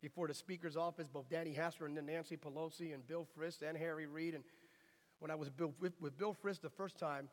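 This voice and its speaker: A middle-aged American man preaching a sermon, telling lively, humorous stories. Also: fairly high pitch, a little fast. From United States. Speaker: pastor. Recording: reverberant hall.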